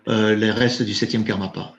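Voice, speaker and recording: A man's voice: on the low side, little pitch movement, creaky. Hesitant male interpreter in a roomy space. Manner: halting and self-correcting, searching for words. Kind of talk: live interpretation of a Buddhist teaching. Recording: roomy, dull lo-fi sound.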